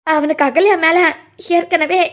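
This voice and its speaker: A woman's voice: extremely high pitch, fairly even intonation, a little slow. A woman voicing an earnest middle-aged mother in a cartoon, speaking with a Kanyakumari Tamil accent in a lamenting way. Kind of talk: cartoon voice acting.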